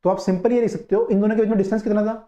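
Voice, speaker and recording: A man's voice: high voice, steady tone, very fast, dark tone. A man teaching a physics class online, chatty and coaxing, repeating his key points and checking that students follow. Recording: dull, roomy online-class audio.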